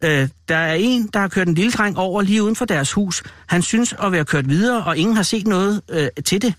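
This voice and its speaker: A man doing a halting polite policeman. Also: high-pitched, expressive, dry recording, studio quality, pitched above the performer's own voice. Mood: awkward. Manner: hesitant, halting with fillers.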